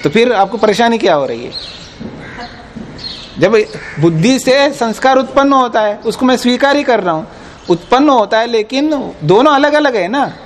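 High-pitched male teacher lecturing firmly, a faint hiss behind. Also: lively intonation, moderate pace. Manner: explains patiently, quizzes listeners, firm and insistent. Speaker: teacher of philosophy. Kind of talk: classroom lecture on scripture.

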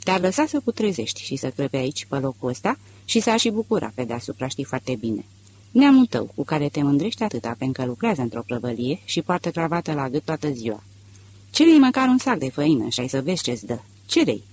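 A male audiobook reader voicing a bony, barefoot farm wife who laughs harshly and shouts with scorn. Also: on the high side, sing-song, husky, full character voice. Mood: scornful shouting.

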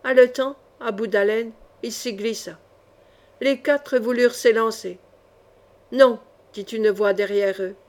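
A woman with a somewhat high voice narrates an old-fashioned swordfighting novel. Her reading is measured and expressive, shaping each sentence for the listener. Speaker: audiobook reader. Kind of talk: scripted narration of a swashbuckling novel.

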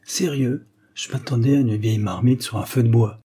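A man's voice: medium pitch, moderate pace, warm tone, slightly rough, close to an everyday voice. A man voicing a big, wary, clumsy young man who jokes in slang. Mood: joking. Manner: slangy, sheepish.

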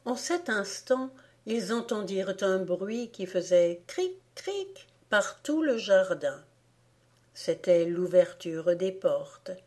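A woman narrating a storybook audiobook in a gentle, measured reading voice. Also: medium pitch, lively intonation. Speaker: audiobook reader.

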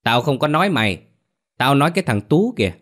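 A man voicing a furious middle-aged mother who hurls rapid, scornful insults in a ghost story audiobook. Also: lowish voice, animated, fairly bright tone.

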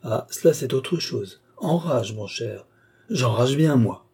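A man's voice: medium pitch, animated, a little slow, creaky, warm tone, husky, heavily acted. A man voicing an old, vain French duke who banters and dodges, his retorts rising in exasperation. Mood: exasperated. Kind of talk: audiobook character reading.

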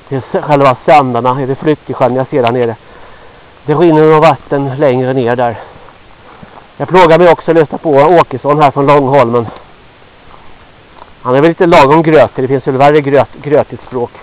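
A man in his sixties from Sweden rambling gruffly to himself on a walk through a forest, sweaty and a little out of breath. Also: mid-range voice, steady tone. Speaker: vlogger. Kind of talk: rambling walk-and-talk monologue. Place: outdoors in a forest. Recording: dull lo-fi outdoor recording.

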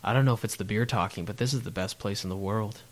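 A man's voice: on the low side, fast. A man reading a wry, reflective travel-diary narration.

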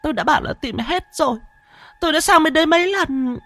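A man voicing a distraught middle-aged village wife who sobs and pleads in a shrill, high voice. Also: expressive, quick pace, a bit bright, no echo, exaggerated voice. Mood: wailing.

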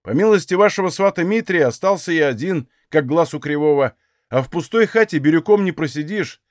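A stubborn young Cossack, as a male reader puts him on, blunt and coolly defiant, talking in plain rural speech. His tone moves up and down with lively turns. The sound is close and dry. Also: on the high side, a little fast, no room sound, lightly acted.

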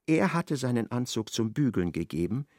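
Narrating a literary radio play at normal speed, the man sounds ironic and very lively. His gravelly voice sits at mid pitch, and the close, dry recording carries no room sound.

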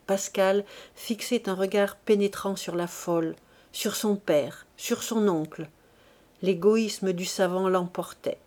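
A woman narrating a classic novel as an audiobook reader, in a steady, expressive reading. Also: mid-range voice, slow pace.

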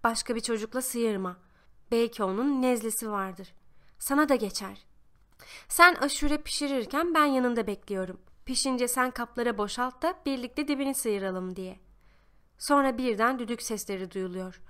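A woman reading a novel aloud as scripted narration, telling a child's first-person letters with lively, expressive shifts. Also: on the high side, normal speed. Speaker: audiobook reader.

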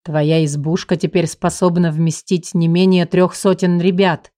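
A woman's voice: flat delivery, measured pace, warm tone, no echo, studio quality, lightly acted. A woman doing a wry, teasing young sorcerer. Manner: wry, affectionate, low and lazy.

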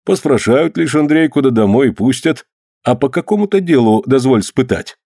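A man's voice: medium pitch, lively intonation, moderate pace, dark tone, husky, no echo. Man voicing a village priest, careful, placating, dry sound.

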